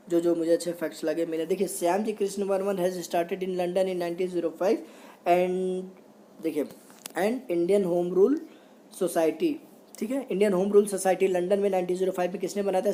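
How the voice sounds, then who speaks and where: A male teacher giving an exam-prep history lecture, reading English notes slowly and explaining them, often quizzing with repeated questions. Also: high voice, warm tone, a little hiss or hum.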